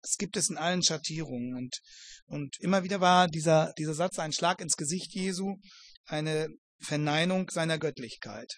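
High-voiced German man preaching. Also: moderate pace, dry recording, studio quality. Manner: rhetorical questions, frequent word repeats; addresses listeners formally. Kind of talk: sermon expounding a Bible passage.

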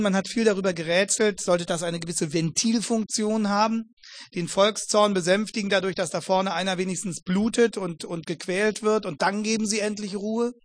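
High-voiced German man preaching. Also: no echo. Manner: rhetorical questions, frequent word repeats; addresses listeners formally. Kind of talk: sermon expounding a Bible passage.

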